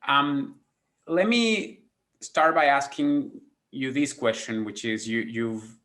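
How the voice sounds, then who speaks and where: A man's voice: mid-range voice, slow pace, fairly bright tone. A man in his thirties hosting an interview over a video call from a home office, friendly and searching for words with many fillers. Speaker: host. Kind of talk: interview questions.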